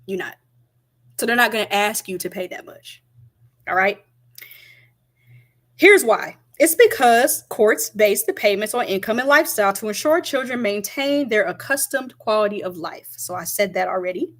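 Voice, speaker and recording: A woman's voice: mid-range voice, expressive, moderate pace, fairly bright tone. A young woman, chatting casually to camera, emphatic and repeating her points. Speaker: vlogger.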